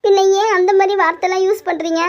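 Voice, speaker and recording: A woman's voice: extremely high pitch, fairly even intonation, fast, highs cut off, a little hiss or hum. A woman voicing a sulky, affectionate young woman in a cartoon, pouting and insistent. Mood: hurt. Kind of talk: cartoon voice acting.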